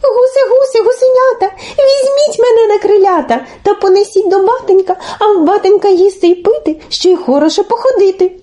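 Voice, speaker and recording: A woman voicing a small, clever village boy in a fairy tale audiobook, with a high childlike pleading voice. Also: fairly quick, few pauses, mellow.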